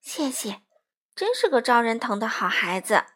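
A woman as a warm, busy storybook mother. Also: high-pitched, animated, moderate pace, exaggerated voice. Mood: praising. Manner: gentle, praising, motherly.

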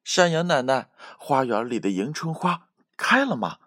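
A man voicing a cheerful, confident little bunny in a children's bedtime story, with high, excited, drawn-out exclamations. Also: no echo, studio quality. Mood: eager.

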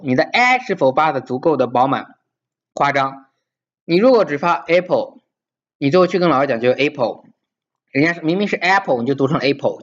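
A man's voice: fairly high pitch, lo-fi sound. A man teaching as an English teacher in an informal video lesson, emphatic and coaxing, often asking his listeners rhetorical questions.

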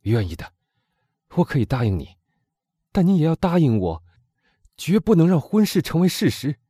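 A man's voice: lowish voice, sing-song, normal speed, warm tone, breathy edge, no room sound, studio quality. A man voicing an ardent young man in love, speaking with fervent, urgent pleading in an audiobook reading.

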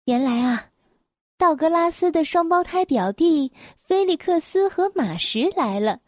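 Woman storyteller, children's picture book, high voice, gentle and expressive, dry close sound. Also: dry recording. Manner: gentle, clear, slow and expressive.

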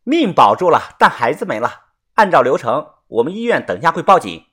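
A storyteller voicing a brisk female doctor who talks curtly and coldly in a storybook reading. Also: mid-range voice, big pitch swings, fairly bright tone, breathy edge.

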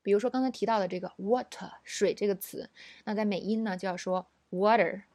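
A woman's voice: medium pitch, fast, dark tone, no room sound. A woman teaching English pronunciation, patiently explaining and modeling English words aloud. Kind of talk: recorded language lesson.

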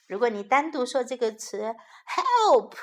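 Woman teacher, reading a story to kids, slow and gentle, higher voice. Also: very animated. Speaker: children's English teacher. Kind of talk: bilingual children's story narration.

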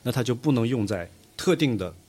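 A man's voice: medium pitch, lively intonation, fairly quick, a little mellow, breathy edge. A man from Lanzhou, a guest pronunciation coach, explaining things in a casual podcast chat with a patient, teacherly manner. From Lanzhou, China.

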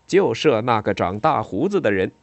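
Brief: a commanding warrior general shouting on the battlefield, as a male storyteller puts him on, lively pitch, dry sound. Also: normal speed, vocal fry, no echo. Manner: loud, boastful battle shouts.

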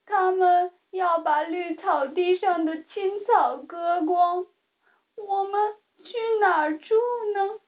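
A woman's voice: very high voice, steady tone, takes it slowly, voice pushed up. A woman voicing tearful field mice begging for help in a children's storybook, over a tinny phone-like line. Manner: pleading, on the edge of tears. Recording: tinny phone-like home recording.

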